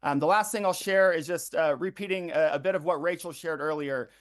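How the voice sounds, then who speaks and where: Upbeat man briefing volunteers, fairly high voice. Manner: frequent ums and uhs, repeats web addresses slowly. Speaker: campaign organizer leading a phone bank livestream.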